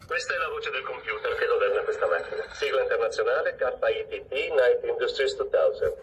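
An actor playing a calm, polite male car computer that speaks in a composed, formal, precise way, played back from a car's built-in speaker. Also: medium pitch, brisk, crowd noise, poor audio.

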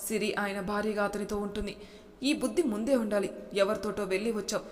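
Woman narrator as a stern big brother telling off his sister, flat and firm, echoey room. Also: mid-range voice, fairly quick, natural voice. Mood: scolding. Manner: scolding, firm. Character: harsh protective older brother Vinay. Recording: reverberant room with faint noise.

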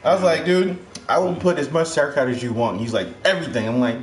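A man's voice: a little high, lively intonation, fast talker, noisy background. A middle-aged man from Ohio hosting a casual home cooking show, chatty and upbeat, calling his viewers guys, filmed by a far camera in a kitchen. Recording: echoey kitchen with music behind.

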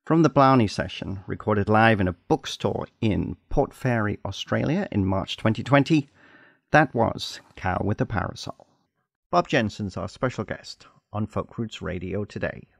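A man hosting a radio program, giving smooth, scripted introductions. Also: lowish voice, animated, moderate pace, dry recording, studio quality. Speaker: radio host. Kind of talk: radio presenting.

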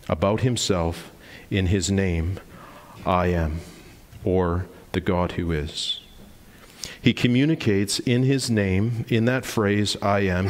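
Emphatic male preacher in a reverberant church. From Canada. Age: 40s. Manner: emphatic preaching, rising in pitch to stress points. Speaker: pastor. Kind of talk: sermon. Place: church sanctuary. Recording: long hall reverb in a church.

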